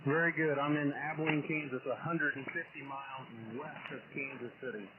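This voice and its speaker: A man's voice: on the high side, fairly even intonation, fairly quick. Man on a staticky ham radio call. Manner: polite, calls the other operator sir. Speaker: amateur radio operator. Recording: tinny radio receiver with loud static.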